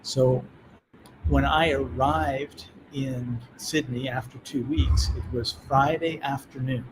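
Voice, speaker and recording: Calling from abroad, a Canadian podcast host spins an animated travel story in casual conversation, performing the voices of those he quotes. He speaks slowly in a mid-range voice, with background noise and clear music audible behind him.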